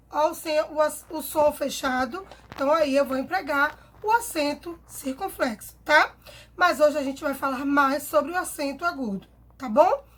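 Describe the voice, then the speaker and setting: Brazilian lady teacher, high voice, slow patient explaining to kids. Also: sharp tone, a little hiss or hum. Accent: Brazilian Portuguese. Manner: patient, slow and clear, ends phrases with "tá?". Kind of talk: recorded grammar lesson for children.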